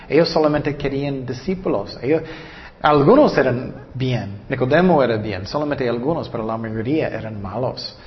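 A man preaching a sermon in an animated way, stumbling over some words and acting out the people he quotes. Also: mid-range voice, normal speed. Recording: echoey hall, dull lo-fi sound.

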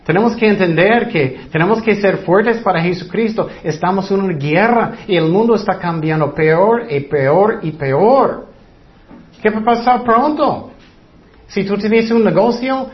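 Male preacher, high voice, plain repetitive sermon delivery, dull lo-fi recording.

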